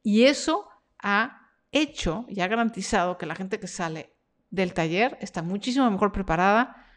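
A woman's voice: mid-range voice, expressive, moderate pace. Chatty woman hosting a live stream. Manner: chatty, reads viewer comments aloud. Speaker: freelance workshop host.

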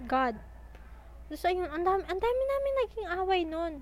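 A young woman telling school stories in a casual, chatty, animated way, a little out of breath. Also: very high voice, moderate pace, a little hiss or hum, poor audio. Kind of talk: casual storytelling.

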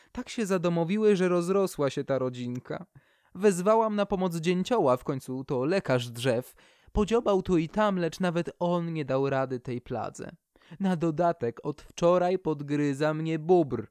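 A man voicing a chatty, practical old female birch tree in a storybook, high and exclaiming. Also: darkish tone, clear, resonant tone, no room sound, studio quality. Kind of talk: storybook character voice.

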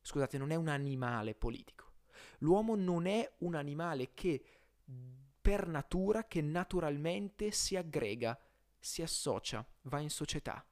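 A man gives an informal spoken lesson in the manner of a podcast host. His delivery is halting, with stretched words and frequent self-corrections as he works through each explanation. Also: fairly high pitch, expressive, a little mellow. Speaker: host of a philosophy podcast series.

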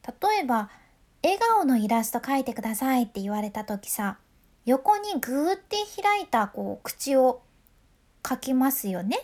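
A woman's voice: fairly high pitch, a little mellow. A woman with a Fukuoka accent giving a chatty, playful voice lesson and acting out example voices. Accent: Fukuoka dialect of Japanese. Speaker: voice coach. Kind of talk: friendly voice lesson.

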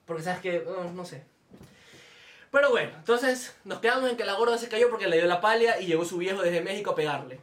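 Young guy rambling through funny school stories, high-ish voice, talks quick, echoey room. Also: far from the mic. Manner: animated storytelling, slips into quoted voices. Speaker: podcast host. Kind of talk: casual comedic chat.

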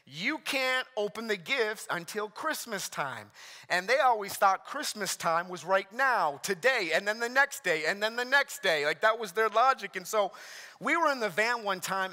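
A man preaching a sermon in a church, telling family stories with animated energy and lots of "like.". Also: sits high. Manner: animated storytelling, frequent "like". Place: church sanctuary. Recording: reverberant church hall.

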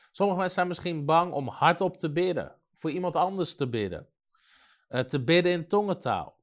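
A man preaching a sermon in a studio, telling stories and acting out the voices of the people in them. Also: a little high. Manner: lively storytelling, acts out quoted voices.

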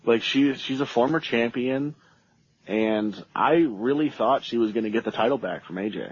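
A man's voice: medium pitch, normal speed, husky, no room sound. A man co-hosting a podcast in casual, enthusiastic, slangy chat. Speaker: podcast co-host. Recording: slightly dull, lo-fi sound.

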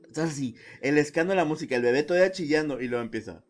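A young man with a Mexican Spanish accent, co-hosting a podcast and telling a story in a casual chat, acting out shouting neighbors and laughing often. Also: very fast. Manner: animated, acts out shouting neighbors with big jumps in pitch, laughs often. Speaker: podcast co-host.

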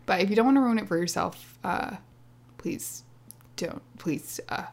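A woman's voice: medium pitch, lively intonation, normal speed, creaky. A woman co-hosting a casual podcast in a playful, teasing way. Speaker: podcast co-host. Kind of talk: casual chat.

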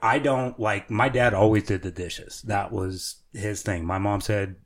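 An easygoing man co-hosting a podcast chat. His voice sits on the low side, and he rambles comfortably through his stories with casual fillers and a ready chuckle. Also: steady tone, measured pace.

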